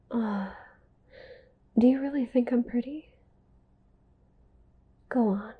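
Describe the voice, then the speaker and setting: In an intimate ASMR roleplay, a woman plays a giant, possessive witch girlfriend, her fairly high voice whispery and breathy as she coos and teases with a menacing edge. It's a full character performance with phone-quality sound, and the mood is coy and possessive.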